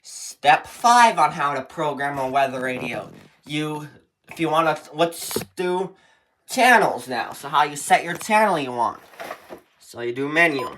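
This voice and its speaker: Unhurried yet pushed and bright, this man's somewhat high voice carries over slight background noise. He's a tutorial presenter giving casual step-by-step how-to narration, explaining in a plain, repetitive style.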